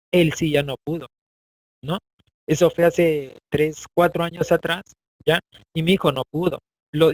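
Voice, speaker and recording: Middle-aged Peruvian male teacher, high-pitched, chatty, keeps checking in with students; dry, close recording. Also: dry recording, poor audio. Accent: Peruvian Spanish. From Peru, Andean highlands. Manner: chatty, asks students for agreement. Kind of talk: online class lecture.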